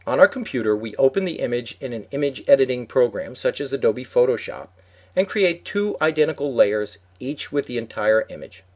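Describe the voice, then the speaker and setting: Man, podcast co-host, scripted instructive read, medium pitch. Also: expressive, fairly quick. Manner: instructive, reads a prepared script.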